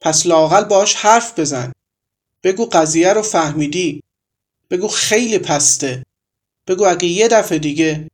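A blunt young woman with a sharp tongue, tossing off mocking remarks at her friend, voiced by a man reading the story. The voice sits a little high. She sounds plain and direct rather than fully acted. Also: close to an everyday voice. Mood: blunt teasing.

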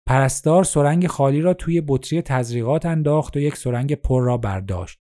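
A man narrating a story in a steady, measured audiobook style. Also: medium pitch.

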